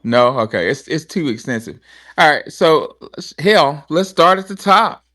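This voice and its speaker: A man from Alabama, hosting a casual talk show in a blunt, animated manner. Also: on the high side, a little slow. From Alabama, USA. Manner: animated and blunt, with frequent restarts and swearing. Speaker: host.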